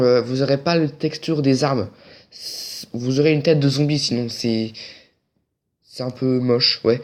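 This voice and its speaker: A man's voice: medium pitch, darkish tone. A man walking viewers through a game tutorial in a casual way. He hesitates often and restarts his sentences, and he drops dry, ironic asides. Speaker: tutorial creator.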